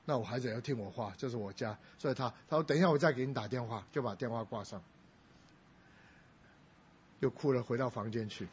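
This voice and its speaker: A man's voice: medium pitch, fast, long pauses, slight background noise. A middle-aged male pastor preaching a sermon, telling a family story and raising his voice when he quotes people. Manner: storytelling, quoting others in a raised voice. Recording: dull lo-fi recording.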